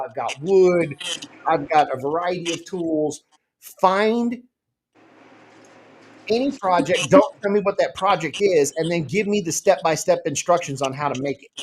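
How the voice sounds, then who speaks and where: A man hosting a casual podcast chat, talking in an excitable, profane way. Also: on the high side, background noise. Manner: profane, excitable, reads out absurd instructions. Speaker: host.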